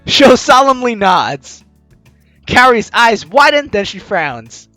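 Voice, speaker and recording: A let's player with a medium-pitched, sing-song voice speaks slowly in a bright, forceful tone, with no echo. He jokes, teases, and reads the game's story aloud over game music, mixing let's play commentary with read-aloud narration.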